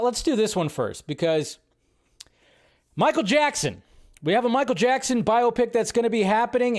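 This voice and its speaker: A high-voiced man hosts a casual live commentary show, excitable and chatty, full of fillers, restarts and some mild swearing.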